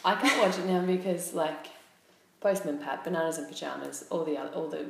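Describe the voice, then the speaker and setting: A woman's voice: sits low, brisk, gravelly, slight background noise. A young woman chatting casually, rambling and trailing off with lots of fillers. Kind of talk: casual chat. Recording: echoey room.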